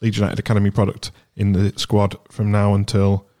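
A man's voice: lowish voice, completely flat delivery, a little fast, dark tone. A man on a football podcast, rattling off club statistics in casual chat. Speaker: podcast co-host.

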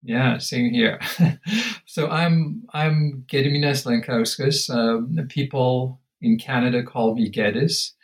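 A man's voice: mid-range voice, steady tone, takes it slowly, poor audio. A man in his fifties, born in Lithuania, speaking as an anthropology professor in an interview, thoughtful and full of hesitations. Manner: thoughtful, many hesitations and fillers. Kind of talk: academic interview.

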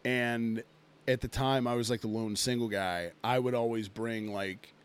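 A man's voice: mid-range voice, fairly even intonation, unhurried, smooth. A man in his thirties co-hosting a casual podcast, rambling and swearing through a long drinking story. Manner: rambling, profane, many fillers. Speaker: podcast co-host. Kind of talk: casual chat.

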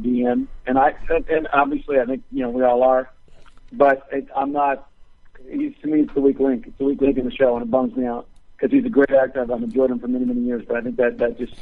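A man's voice comes through a speakerphone, thin and tinny like a phone line, from a little way off. He sounds gravelly with a lively, bouncing pitch, and he talks in halting starts and restarts as he chats. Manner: halting, lots of false starts. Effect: phone call on speakerphone. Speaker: podcast panelist calling in. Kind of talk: casual chat.

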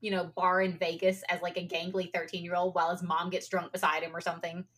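A woman co-hosting a podcast, talking casually in halting, restarting phrases. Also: lowish voice, flat delivery, a bit bright. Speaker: podcast co-host.

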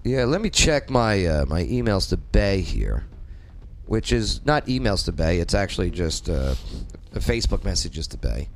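A man's voice: low voice, very animated, moderate pace, slight background noise. A man hosting a live talk show from a studio with casual, informal, punchy banter. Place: radio studio.

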